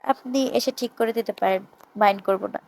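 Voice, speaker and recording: A woman's voice: medium pitch, fairly quick, vocal fry, slight background noise, lightly acted, rough recording. A woman doing a cocky young male DJ. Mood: teasing. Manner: brash in English bits, soft and teasing on the phone.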